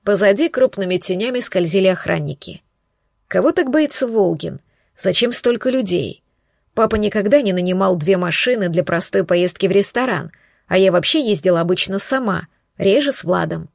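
A woman's voice: medium pitch, expressive, moderate pace, creaky, dry recording, studio quality. A woman narrating a first-person romance novel in an intimate, emotional way. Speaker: audiobook narrator.

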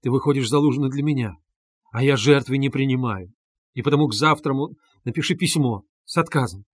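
A man's voice: mid-range voice, husky, no room sound, lightly acted. A man reading a feverish young man, worn out. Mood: insistent. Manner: halting, strained outbursts. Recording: dry close studio sound.

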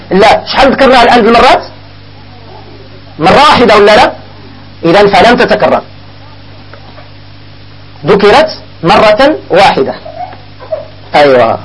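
A man with a Moroccan accent teaching an Arabic grammar lesson, asking questions and answering them himself and repeating examples slowly. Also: very high voice, slight background noise, rough recording.

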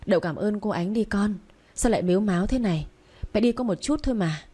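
This is a young mother in a spoken novel, voiced by a woman narrator. She talks softly and coaxingly to her small child. The voice is mellow and warm, pitched at an everyday level. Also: animated, fast talker, husky. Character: young mother, gentle and anxious.

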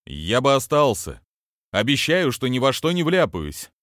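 A male reader voicing a blunt, wry undercover agent who speaks patiently with gruff asides. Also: medium pitch, very animated, unhurried, fairly bright tone, dry recording, clean studio sound, pitched above the performer's own voice. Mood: insistent. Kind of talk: audiobook character voicing.

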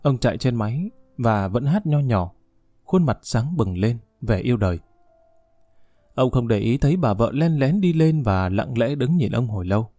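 Calm male audiobook narrator, dark tone. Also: mid-range voice, normal speed, dry recording, faint music behind. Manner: calm, even storytelling.

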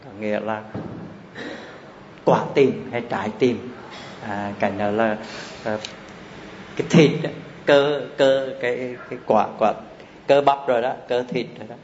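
Male Dharma teacher, slow and repetitive, quizzing the class; roomy, echoey hall sound. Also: mid-range voice, steady tone, a little mellow. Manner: slow, repeats terms and asks rhetorical questions. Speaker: Buddhist Abhidhamma teacher. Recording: echoey hall, slightly dull with faint hiss.

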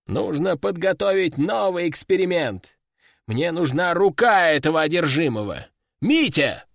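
A man's voice: a little high, very animated, a little slow, vocal fry, no room sound, studio quality, exaggerated voice. A man voicing a stern, domineering old male sorcerer in an audiobook, giving harsh orders. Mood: dismissive. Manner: commanding and harsh. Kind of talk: audiobook character voice.

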